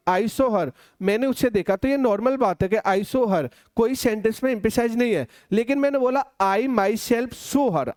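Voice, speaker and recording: A man with an Indian accent teaching an exam-prep grammar lesson, asking and answering his own questions and slowing down to dictate example sentences. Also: extremely high pitch, darkish tone, smooth, no echo, clean studio sound.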